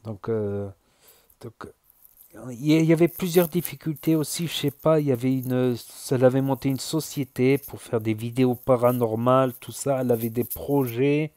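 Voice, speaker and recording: A man with a southern French accent, a YouTuber talking casually to his viewers in a halting way, often repeating himself and using fillers. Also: mid-range voice, darkish tone, dry recording, studio quality. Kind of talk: casual spoken commentary.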